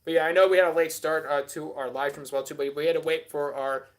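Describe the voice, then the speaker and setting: A man's voice: a little high, steady tone, quick pace. A man hosting a live stream, rambling casually and answering chat with many filler words.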